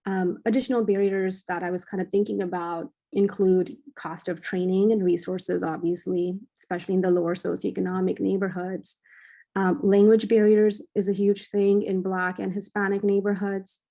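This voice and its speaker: A young adult woman, a cardiology fellow, giving an academic journal club presentation in a measured way with frequent filler sounds. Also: mid-range voice, level tone, creaky, warm tone.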